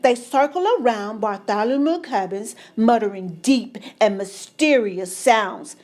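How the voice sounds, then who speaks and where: Storyteller, woman, slow expressive read-aloud. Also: on the high side.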